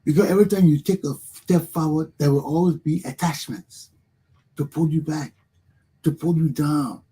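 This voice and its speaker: A middle-aged man with a Liberian accent gives a motivational monologue on his own talk show, preaching with emphasis and circling back to repeat his points. His voice is warm and husky, a little high for a man, at a moderate pace.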